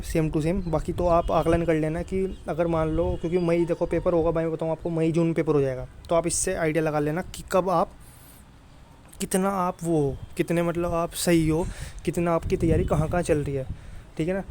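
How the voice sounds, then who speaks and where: A higher-pitched man delivers flat, teaching-style exam coaching in an informal way. As an exam prep teacher he repeatedly checks in with listeners in a familiar, brotherly manner, with clear background noise in the recording.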